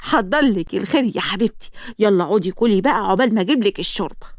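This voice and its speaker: A woman voicing a bossy, doting Egyptian mother in an animated storybook, fussing and scolding. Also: medium pitch, racing, dry recording, clean studio sound, natural voice.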